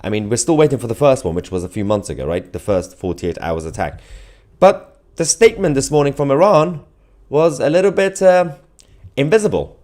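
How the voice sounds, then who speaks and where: This host's voice is medium-pitched with a darkish tone, animated and a little fast. On his live online political news commentary show, he mocks and jeers emphatically as he talks to viewers.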